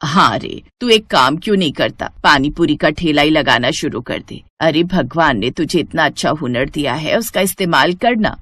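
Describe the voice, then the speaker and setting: A woman's voice: low-pitched, expressive, normal speed, few pauses, a bit bright, no echo, pitched below the performer's own voice. A woman voicing a caring older village mother in a cartoon story, scolding her sons with affection. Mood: fussing.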